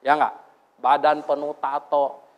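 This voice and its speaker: A man preaching a Sunday sermon to a congregation, telling stories and questioning his listeners in an animated way. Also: fairly high pitch, slow, lo-fi sound, slight background noise. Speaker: pastor. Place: church before a congregation.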